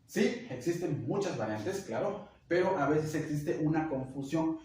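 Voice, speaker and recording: A young man with a Mexican Spanish accent, a native Nahuatl speaker, giving a casual language lesson and slowly repeating words for learners. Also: a little high, lively intonation, warm tone, slight background noise. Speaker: language teacher. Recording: echoey room, heard from a distance.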